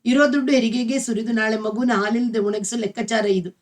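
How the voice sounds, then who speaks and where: A woman's voice: on the high side, steady tone, brisk, lightly acted. A woman reading the part of an old woman, a stern traditional mother who speaks bluntly. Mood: scolding. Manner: scolding, blunt.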